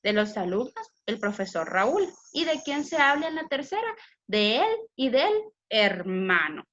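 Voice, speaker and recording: A woman's voice: a little high, very animated, a little slow, fairly bright tone, dull audio. A woman teacher giving a recorded grammar lesson for children, explaining patiently step by step with example sentences. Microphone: computer mic.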